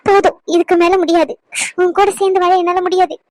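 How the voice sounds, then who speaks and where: A woman's voice: very high voice, fairly even intonation, fast talker, darkish tone, dry recording. A woman voicing a young wife in a cartoon drama, pleading and bitterly reproachful toward her husband. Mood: angry. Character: young wife, hurt and fed up.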